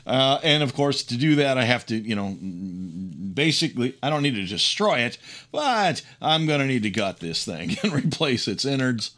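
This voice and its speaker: At a workbench, a middle-aged or older hobbyist hosting a teardown video rambles through unscripted, hands-on commentary, enthusiastic and chuckling often. His mid-range voice is very animated and fairly bright, at a moderate pace.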